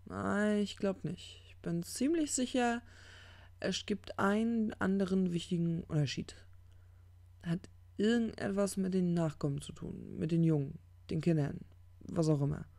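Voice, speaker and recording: Reader doing a tipsy demon, smug, rambling, gravelly, dark, dry close sound. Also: mid-range voice, no echo, voice pushed up. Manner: slurred, halting drunken ramble. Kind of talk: audiobook character reading.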